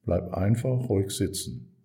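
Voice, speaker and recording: A man voicing a friendly firefighter calming a boy on a roof, in a children's storybook reading. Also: sits low, a little slow, vocal fry, heavily acted. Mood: reassuring. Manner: friendly, reassuring. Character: kind calm adult male firefighter.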